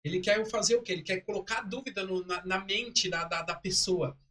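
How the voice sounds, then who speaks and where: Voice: mid-range voice, steady tone, a little fast, bright, forceful tone, distant mic. A co-host of a church live stream preaching emphatically with rhetorical questions. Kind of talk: preaching commentary.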